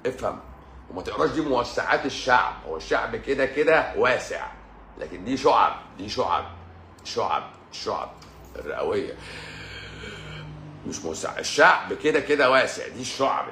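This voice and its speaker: A man with an Egyptian accent explains health matters in a casual live stream, hammering points home by repeating them and calling the listener "pasha". His mid-pitched voice rings in a roomy space with a faint hiss of background noise. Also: sing-song, normal speed, bright, forceful tone. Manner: emphatic, repetitive, addresses listener as "pasha". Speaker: doctor hosting a live stream.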